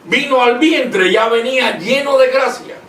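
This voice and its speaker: A man's voice: extremely high pitch, a bit bright, distant mic. Man, preaching in conversation, emphatic, echoey room, faint noise. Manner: emphatic, reads scripture aloud slowly.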